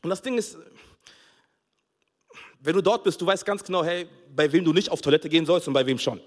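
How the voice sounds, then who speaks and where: A man preaching a sermon as pastor, telling a funny family story with lively acted-out dialogue and frequent laughter. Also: fairly high pitch, brisk. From Togo. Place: church hall. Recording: long hall reverb.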